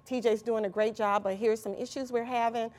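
A woman with a fairly high, steady, somewhat dark voice speaks a little quickly. She is an interview guest from an employment nonprofit, answering conversationally and often hunting for the right words.

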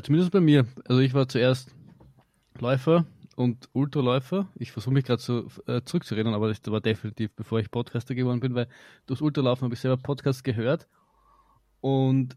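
An Austrian man of middling pitch who talks at a brisk clip. He is wry and casual, a podcast guest joking as he tells his stories. The sound is dry, with hardly any room on it. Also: fairly even intonation, warm tone, dry recording. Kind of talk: casual chat.

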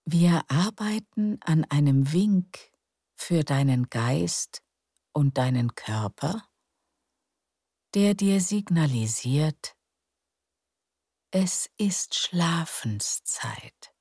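A woman narrating sleep stories for adults in a hushed, calm, soothing, breathy and creaky voice, often close to a whisper. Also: deep voice, slow pace, no room sound. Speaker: sleep story narrator and podcast host. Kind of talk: soothing scripted bedtime story narration.

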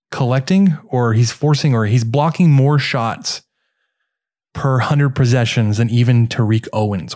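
Slow-paced man talking sports stats. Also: medium pitch, darkish tone. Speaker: sports podcast co-host. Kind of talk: casual sports analysis, reading out stats.

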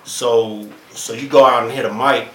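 A man's voice: medium pitch, steady tone, moderate pace, a bit bright. Laid-back man in an echoey room. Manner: laid-back, drawling slang, trailing off. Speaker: stand-up comedian guest. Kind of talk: casual podcast chat. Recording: echoey room with faint noise.

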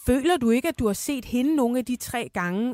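A fairly high female voice, recorded dry and close in a radio studio. She questions her guest carefully, hesitating and filling pauses as she builds her point. Her tone stays measured and probing. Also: animated, darkish tone, dry recording. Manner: careful, hesitant, many fillers. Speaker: radio host.

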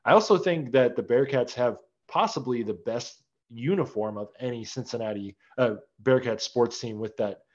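A man's voice: mid-range voice, normal speed, hardly any pauses. A young man hosting a casual sports chat, rambling loosely with lots of fillers. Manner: laid-back, filler-heavy rambling. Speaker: podcast host. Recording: slightly dull lo-fi audio.

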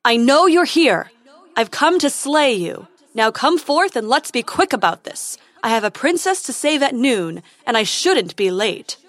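Woman playing a loud, pompous young prince. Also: a little high, lively intonation, measured pace, no echo. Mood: boastful. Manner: loud, declaiming.

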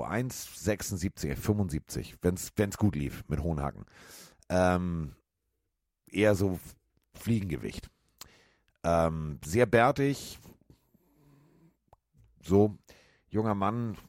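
Animated storytelling man, lively pitch. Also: no room sound, clean studio sound. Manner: animated, acts out quoted voices, many fillers. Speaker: podcast co-host. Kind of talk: casual storytelling chat.

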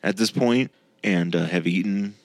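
A man hosting a podcast, casually explaining comic books in a halting, rambling way. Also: sits low, gravelly, dry recording. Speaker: podcast host.

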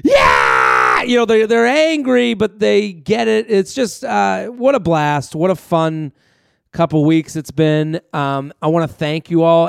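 A man with a high voice and plenty of fry delivers a casual solo podcast monologue. He rambles conversationally and addresses listeners directly, sounding clean and very dry. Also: no echo. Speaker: comedian podcast host.

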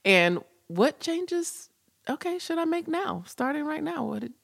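A woman's voice: high-pitched, big pitch swings, a little slow, creaky. A woman hosting a podcast in casual chat, effusive and affirming with her guest. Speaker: podcast host.

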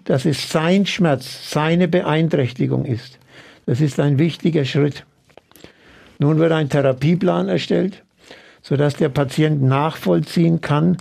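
Male practitioner, gravelly voice, mellow dark tone, earnest measured explaining, interview answers. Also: fairly high pitch. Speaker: osteopathic practitioner.

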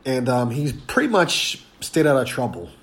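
A man hosting a casual sports podcast, congested and hoarse, rambling and halting with fillers. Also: medium pitch, very animated, a bit bright. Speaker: podcast host.

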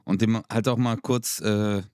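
A young man chatting casually on a podcast, telling an animated story with street slang. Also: on the low side, unhurried, no room sound, studio quality. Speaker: podcast co-host. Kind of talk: casual chat.

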